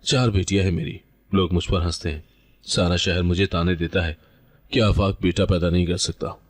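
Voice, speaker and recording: A man's voice: deep voice, fairly even intonation, normal speed. A man voicing a cold, angry young husband who speaks with contempt. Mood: bitter. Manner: bitter, contemptuous.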